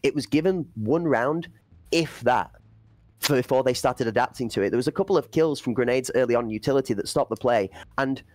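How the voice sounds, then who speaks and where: A man's voice: medium pitch, brisk, no room sound. A man commentating an esports playoff, breaking down play and building hype for the chat. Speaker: esports caster.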